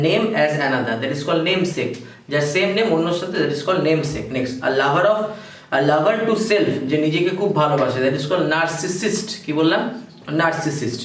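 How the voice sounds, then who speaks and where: A man with a Bengali accent teaching a vocabulary lesson. He reads definitions slowly and keeps quizzing his students. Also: fairly high pitch, recorded from a distance. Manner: reads English definitions slowly, then explains briskly and quizzes. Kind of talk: exam-prep vocabulary lesson. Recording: echoey room, voice off-mic, faint hiss.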